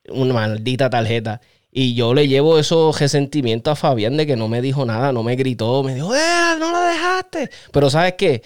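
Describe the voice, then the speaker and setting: A man with a Puerto Rican accent hosting a casual chat, rambling through animated stories full of slang. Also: medium pitch, clear, resonant tone, dry recording, clean studio sound. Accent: Puerto Rican Spanish.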